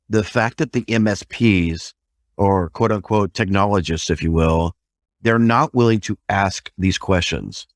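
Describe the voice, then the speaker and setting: A man with a fairly deep voice who tells stories in a lively, animated way and drops in mild swear words. It is a casual podcast chat. The recording is close and dry. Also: no echo. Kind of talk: casual conversation.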